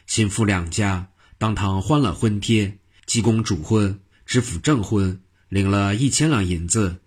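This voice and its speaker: Husky-voiced male storyteller. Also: fairly low pitch, a little slow. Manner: lively, vivid narration. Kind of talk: traditional storytelling narration.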